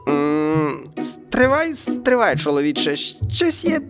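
A high, lively storybook jackal, sly and playing dumb, as a male narrator puts him on. He stammers and hesitates, his voice leaping up and down. Soft music sits behind him. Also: takes it slowly, exaggerated voice. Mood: feigned puzzlement. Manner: feigns confusion, hesitant. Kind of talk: storybook reading.

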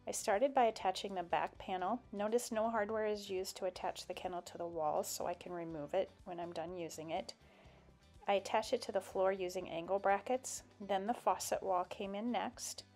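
A woman's voice: medium pitch, darkish tone. A woman narrating a step-by-step build tutorial in a plain, explanatory voice-over.

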